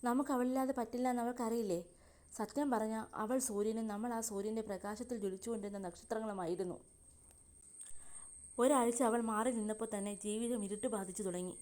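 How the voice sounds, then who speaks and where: A downcast young man pours out his longing in a soft, lowered voice, read by a woman storyteller. The tone is mellow and dark. It sounds like a spoken storybook. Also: steady tone, a little fast, natural voice. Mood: despondent. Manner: lowered, plaintive voice.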